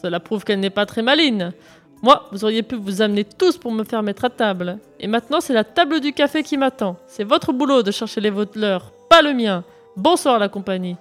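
A woman voicing a rude, brutish giant of a man in hunting clothes, gruff and scornful, over faint music. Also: mid-range voice, lively intonation, fairly quick, lightly acted. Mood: indignant.

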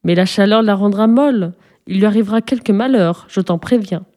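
Patient warning mother, voiced by a woman, soft dark timbre. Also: medium pitch, a little fast, lightly acted. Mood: firm. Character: gentle but firm mother.

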